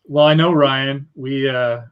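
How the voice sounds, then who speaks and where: A man's voice: mid-range voice, steady tone, takes it slowly, clean tone, lo-fi sound. A man talking as a guest in a casual interview over a video call, easygoing and joking.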